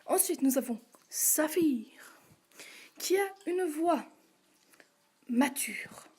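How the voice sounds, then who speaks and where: A woman's voice: sits high, lively intonation, extremely slow, a little mellow. A woman hosting a casual casting-call video, listing characters and their voices with hesitant fillers and asides. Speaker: channel host casting voice actors.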